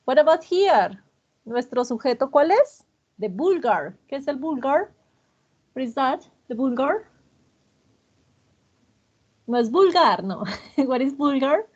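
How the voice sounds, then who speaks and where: A woman's voice: high voice, big pitch swings, takes it slowly, pauses often, darkish tone, highs cut off. A woman teaching English grammar to a class, patiently repeating students' answers and praising them.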